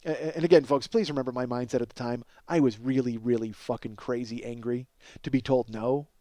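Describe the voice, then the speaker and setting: Here the comedy podcast host, a man in his forties, has a dark mid-range voice with fairly even intonation and a brisk delivery. His story is rambling and self-deprecating, peppered with profanity, and he acts out both sides of the exchanges.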